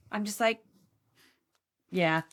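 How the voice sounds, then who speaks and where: A woman in her thirties co-hosting a podcast in casual chat, loud and giddy, candid and quick to laugh. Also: mid-range voice, a little hiss or hum. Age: 30s. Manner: candid, laughs often, acts out quoted voices. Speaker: podcast co-host.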